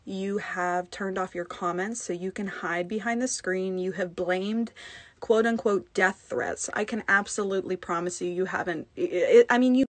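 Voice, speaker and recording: A woman in a heated call-out rant, cursing often and breaking off mid-sentence as she stumbles over her words. She sounds upset and shaken, speaking close to a phone mic in a dry, unechoing space. Her pitch sits in a middle register. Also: steady tone, no room sound. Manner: heated, swearing, halting restarts. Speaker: ASMR creator.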